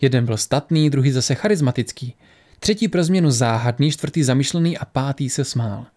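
A man narrating a fantasy audiobook in a steady storytelling manner. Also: mid-range voice.

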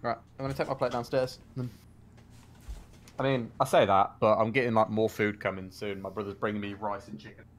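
A man's voice: lowish voice, fairly even intonation, fairly quick, a little hiss or hum. A man, chatting and joking loosely with friends during a break in a tabletop game. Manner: joking, rambling banter. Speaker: tabletop player.

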